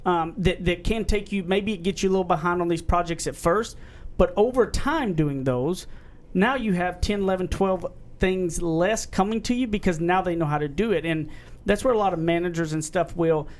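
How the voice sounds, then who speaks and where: A man's voice: high voice, normal speed. Earnest, rambling man podcaster. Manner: rambling, earnest, self-described redneck voice. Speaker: podcast co-host. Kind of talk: casual podcast chat.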